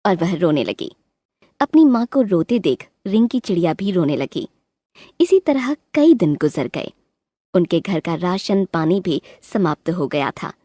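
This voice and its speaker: A woman narrating a children's cartoon story in an expressive storybook manner. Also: lowish voice, a little slow, no echo. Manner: expressive, sing-song storytelling.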